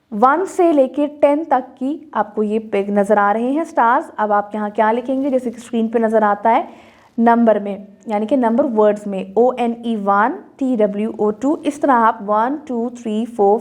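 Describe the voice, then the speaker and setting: A woman's voice: on the high side, fairly even intonation, normal speed. Methodical woman teacher. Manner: methodical, walks through answers item by item in Urdu mixed with English. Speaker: English teacher. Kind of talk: recorded video lesson explaining textbook exercises.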